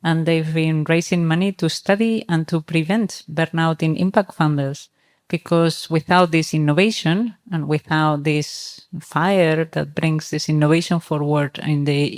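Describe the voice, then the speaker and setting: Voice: mid-range voice, fairly even intonation, unhurried. An earnest, discursive speaker on a discussion panel, talking at length. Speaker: panelist, startup and impact advocate.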